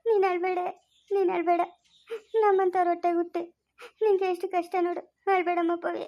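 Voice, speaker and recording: A woman's voice: very high voice, level tone, brisk, lo-fi sound, soft background music. A woman playing a worried, tearful poor mother in an amateur family drama, speaking rural Chikkaballapur Kannada. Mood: pleading. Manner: pleading, emotional.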